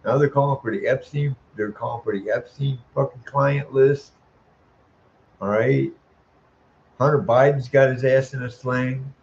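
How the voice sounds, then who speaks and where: A vlogger launches into a heated, profane ranting monologue to the camera, ending sentences with "man," chuckling, and stalling on long, drawn-out "uh" sounds. His middle-pitched voice is steady and darkish. The lo-fi recording sounds a little dull, with a faint room hum.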